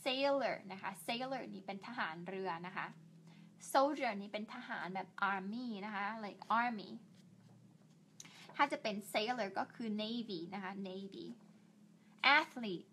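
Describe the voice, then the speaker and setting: Bright-voiced woman teaching English slowly. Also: on the high side, slight background noise. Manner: slow, drawn-out English words with repeated Thai polite particles; chatty and self-deprecating, asks viewers for help. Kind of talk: bilingual online English lesson.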